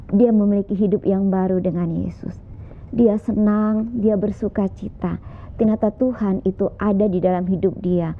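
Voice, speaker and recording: A woman teaching children at church, telling a story slowly and emphatically and addressing the kids again and again. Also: medium pitch. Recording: tinny phone-like sound.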